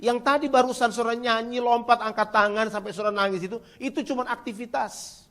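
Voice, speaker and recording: A male pastor preaching a sermon, talking straight to the congregation and calling for their replies, swinging from near-shouts down to quiet, low passages. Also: fairly even intonation, quick pace. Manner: emphatic preaching, rising to near-shouts, then dropping quiet; addresses congregation directly, asks for replies.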